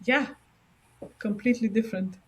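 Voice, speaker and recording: A woman's voice: on the high side, moderate pace. A woman from Romania hosts a casual podcast chat over a video call. She talks easily and laughs often as she goes. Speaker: podcast host.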